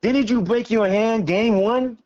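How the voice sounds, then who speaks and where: A man trading teasing sports banter, needling with rapid repeated questions. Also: very high-pitched, darkish tone, muffled recording. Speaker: regular guest.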